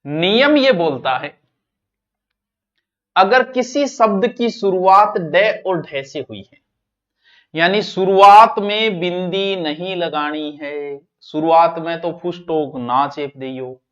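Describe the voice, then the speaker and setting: Lively Rajasthani man teaching grammar. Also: high voice, slow. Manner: lively, swings between loud and soft, addresses students directly. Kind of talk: exam-prep grammar lesson. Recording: dull lo-fi online class audio.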